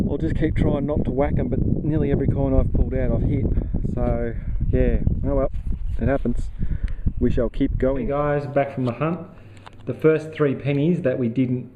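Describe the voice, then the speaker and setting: A man's voice: mid-range voice, narrow, tinny audio, slight background noise. Easygoing Australian man, slangy chat. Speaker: metal detecting vlogger. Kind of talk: casual narration while detecting. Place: outdoors in a grassy paddock.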